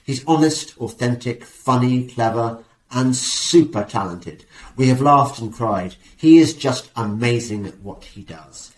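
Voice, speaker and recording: A man's voice: mid-range voice, animated, unhurried. An English man hosting a podcast, reading an advert and chatting with a jokey, sarcastic manner. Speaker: podcast host. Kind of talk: casual chat and read advert. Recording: roomy echo.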